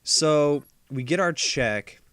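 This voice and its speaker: A man's voice: a little high, expressive, takes it slowly, fairly bright tone, smooth. A man telling a rambling, profane story as casual gameplay commentary, with lots of fillers and restarts. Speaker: gaming commentator. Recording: noisy commentary recording.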